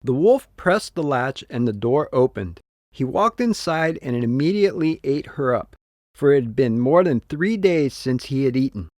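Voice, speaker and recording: A man reading a textbook story slowly and expressively as the audio narrator, in a dry, close studio recording. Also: medium pitch, animated, darkish tone, no room sound. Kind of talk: scripted narration.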